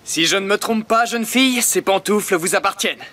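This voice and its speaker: A man's voice: sits high, brisk, heavy background noise, natural voice. A man playing a vain, blustering, boyish storybook villain sheriff in a dubbed TV sitcom, pompous and theatrical. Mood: grandiose.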